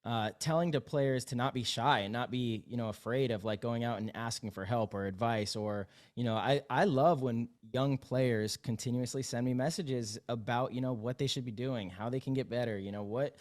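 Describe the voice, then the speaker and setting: 30s dude hosting a podcast, mid voice, friendly, rambly questions. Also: male voice, mid-range voice, moderate pace, few pauses. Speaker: podcast host. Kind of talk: casual podcast interview.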